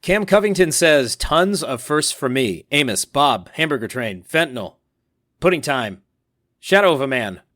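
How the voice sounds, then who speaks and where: A man co-hosting a casual podcast, reading listener messages aloud in an upbeat, animated way. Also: mid-range voice, normal speed, no room sound, studio quality. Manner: upbeat, reads quotes aloud with animated emphasis.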